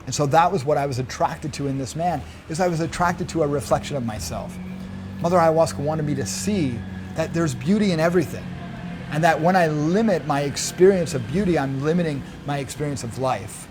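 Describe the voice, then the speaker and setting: A man's voice: fairly high pitch, a little fast, music in the background. A man earnestly telling a personal spiritual story, emphatic and repeating phrases for effect. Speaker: spiritual video creator.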